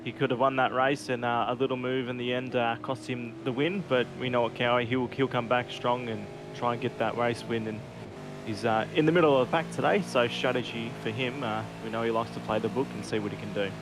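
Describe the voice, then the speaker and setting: A man acts as a motorsport commentator, chatting casually through an online race in a mid-pitched voice. The noise of cars is clear behind him. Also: steady tone, brisk. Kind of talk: casual sim racing commentary. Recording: constant car engine noise. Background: race cars and engine noise.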